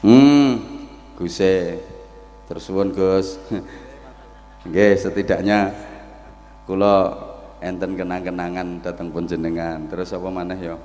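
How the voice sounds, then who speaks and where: Slow, joking Javanese preacher. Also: male voice, deep voice, steady tone, dark tone, long reverb tail, faint music behind. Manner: theatrical, joking, switches into Javanese. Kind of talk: humorous sermon. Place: outdoor religious gathering.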